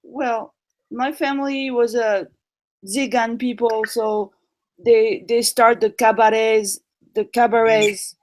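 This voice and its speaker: Woman, grew up in Morocco, slightly high voice, casual chat guest, hesitant, restarts. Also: steady tone, takes it slowly, low-quality recording. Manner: hesitant, many ums and restarts.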